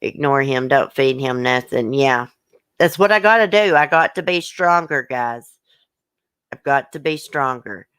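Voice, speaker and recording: Her voice is very deep yet a bit bright and clean, animated and unhurried, with no room sound. As a YouTube channel host on a livestream, she's upset and hurt, venting bluntly, swearing casually, and reading viewer comments aloud in emotional, colloquial speech.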